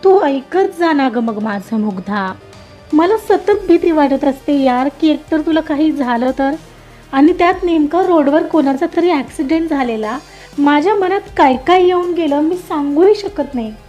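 A woman's voice: high-pitched, expressive, normal speed, mellow, highs cut off, faint music behind. A woman voicing a young man who is loving but angry and scared, speaking agitated with a raised voice. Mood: anxious, pleading.

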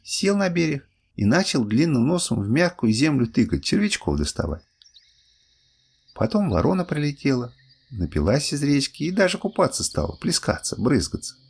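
An older man narrating a bedtime story in a lively, expressive way. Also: medium pitch, moderate pace, husky.

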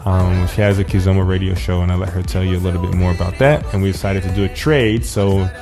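A man's voice: deep voice, fairly even intonation, fast, over music. A man hosting a podcast in casual interview style, upbeat and playful, often repeating words for emphasis. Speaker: podcast host.

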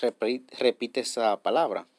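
A man with a medium-pitched voice, speaking at a normal pace with no room sound, hosts a step-by-step app tutorial. He explains patiently, repeats himself, and keeps checking in with his viewers.

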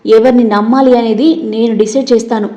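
A woman's voice: on the high side, steady tone, fairly quick, warm tone, close to an everyday voice. A woman voicing a stern, commanding rich young man who gives cold, curt orders, on a dull lo-fi recording.

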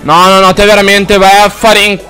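A man streaming a game live, chatting casually and swearing freely at his viewers, with loud exaggerated outbursts. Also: high voice, completely flat delivery, moderate pace, soft background music. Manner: rambling and profane, chatting to viewers.

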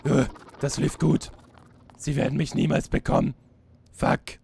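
A man's voice: on the high side, level tone, unhurried, creaky, darkish tone, slight background noise. A man commenting as he plays a horror game, joking, swearing and panicking, sometimes reading notes aloud in a mocking tone. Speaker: gamer playing a horror game. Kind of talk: let's play commentary. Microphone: desk mic with facecam.

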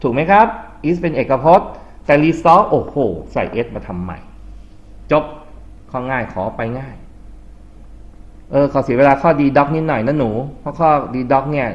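A man's voice: mid-range voice, lively intonation, measured pace, long pauses. A male English tutor teaching a classroom grammar lesson, quizzing students and mixing English terms into his explanations. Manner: quizzes students with frequent questions. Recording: dull lo-fi classroom recording.

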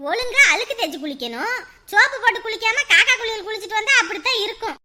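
A woman playing a sharp-tongued mother who scolds and mocks in a family drama. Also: very high voice, lively intonation, fast talker, heavy background noise. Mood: scolding. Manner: scolding, mocking.

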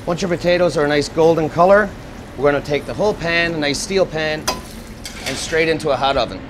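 A man's voice: on the high side, fairly quick, background noise. Man, chef demo. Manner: steady instructive step-by-step explaining. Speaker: executive chef. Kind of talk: cooking demonstration. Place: restaurant kitchen at a gas range. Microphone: lapel mic.

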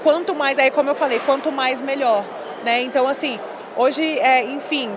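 A woman in her thirties, once a volleyball player, speaks emphatically at normal speed in a high, steady voice during a casual interview at a busy expo hall. The interviewer holds a handheld mic, crowd noise fills the background, and she drops lots of little fillers.

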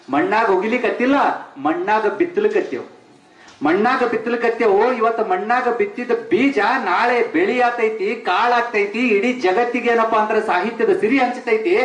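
A man with a North Karnataka accent delivers a devotional tribute speech in a high, ringing voice. He speaks with emphasis and doubles phrases back for weight. The sound is echoey, as if caught in a big reflective room. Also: highs cut off. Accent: North Karnataka Kannada. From Bijapur, Karnataka. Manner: emphatic, repeats phrases for stress. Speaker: teacher and public speaker.

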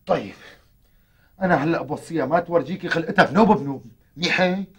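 A man's voice: on the high side, fast, breathy edge. An actor with a Syrian Arabic accent playing a harried husband who coaxes and sweet-talks his quarreling wives. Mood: coaxing. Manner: coaxing, exasperated, sweet-talking. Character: harried husband caught between two wives. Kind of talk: TV comedy acting.

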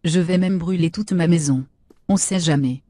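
A woman's voice: lowish voice, moderate pace, mellow, no room sound, studio quality, lightly acted. A woman voicing a vain, foul-mouthed young woman, brash and insulting in comic machinima. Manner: brash, insulting, self-satisfied.

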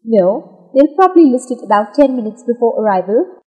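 A woman with a husky, breathy voice pitched a little high reads practice dialogue lines with a lively, rising and falling melody. Her delivery is slow and carefully enunciated, and a long reverb trails behind each phrase. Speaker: dialogue reader in an English lesson. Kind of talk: scripted dialogue reading.

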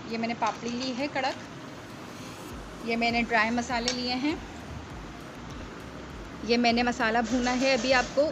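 Woman cooking host, pitched a bit high, chatty step-by-step tutorial, noisy home kitchen recording on a phone. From Pakistan. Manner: chatty, checks in with viewers.

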